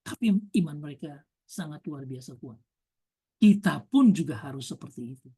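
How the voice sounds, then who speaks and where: A woman's voice: sits low, expressive, normal speed, mellow, slightly rough. A woman preacher telling a testimony in a sermon, building emphasis and using repeated lists.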